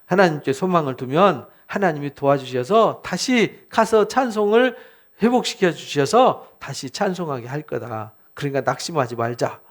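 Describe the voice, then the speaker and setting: A man with a somewhat high-pitched voice leads a Bible study sermon as its pastor. He speaks in an animated way, throwing questions at his listeners and answering them himself. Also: moderate pace.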